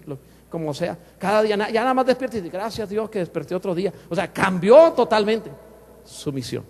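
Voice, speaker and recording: A man's voice: high-pitched, a little mellow, big-room sound. A man preaching a sermon in a joking, conversational way, full of rhetorical questions. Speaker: pastor. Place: church sanctuary.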